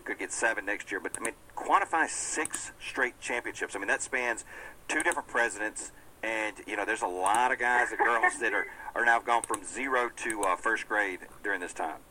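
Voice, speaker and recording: A man's voice: fairly low pitch, normal speed, bright, forceful tone, a little hiss or hum, rough recording. A man hosting a live sports show, upbeat and self-deprecating in his banter. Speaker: sports radio host.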